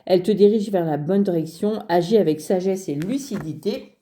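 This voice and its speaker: A woman giving a casual card reading to her viewers, talking straight to them with many pauses and restarts. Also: fairly low pitch, mellow. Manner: hesitant, many fillers and restarts, addresses viewer directly. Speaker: card reader. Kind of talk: casual spoken tarot reading.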